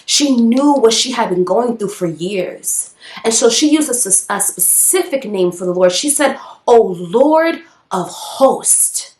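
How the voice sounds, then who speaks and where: A woman preaching with emphatic, repeated declarations, her voice sitting somewhat high. The sound is echoey, as if in a bare room. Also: lively intonation, normal speed. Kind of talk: devotional preaching.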